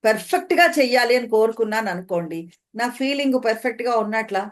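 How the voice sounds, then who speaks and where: A woman with a Telugu accent giving a spiritual talk, explaining slowly and often asking listeners if they follow. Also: on the high side, lively intonation. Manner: slow, explaining, asks listeners questions. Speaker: translator of spiritual commentary.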